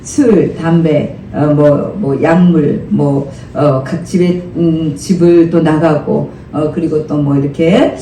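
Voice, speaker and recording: A male senior pastor preaching a church sermon in an animated, conversational way, drawing replies from the congregation. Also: fairly high pitch, slow pace, few pauses, a little hiss or hum. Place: church sanctuary. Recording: roomy sound from some distance with faint ambience.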